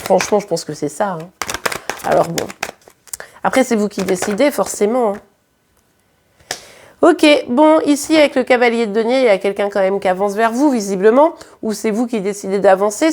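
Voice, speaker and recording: A woman's voice: medium pitch, darkish tone. Chatty woman reading tarot cards. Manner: chatty, conversational, frequent hesitations and repeated words; speaks directly to viewers, frequent tag questions. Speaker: tarot card reader. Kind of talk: casual tarot reading to camera.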